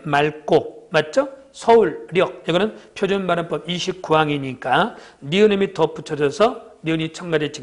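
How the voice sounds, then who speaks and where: A man with a fairly high voice works through an exam review lecture at a steady clip. He keeps tossing quick questions at the class and answering them himself. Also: a little hiss or hum. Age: middle-aged. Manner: asks constant rhetorical check-ins.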